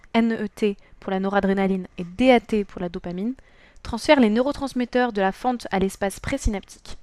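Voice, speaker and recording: A woman's voice: medium pitch, no echo. A teenage girl from France narrating a scripted school presentation, reading a prepared text carefully and evenly. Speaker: student presenter.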